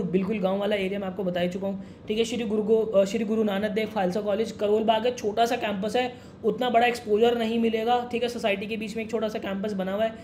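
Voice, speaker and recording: A young man explains things quickly and casually, calling the listener "brother". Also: high-pitched, darkish tone, slight background noise. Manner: fast, brotherly, addresses viewer as "mere bhai". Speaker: education YouTuber. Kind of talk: casual explainer talking to camera.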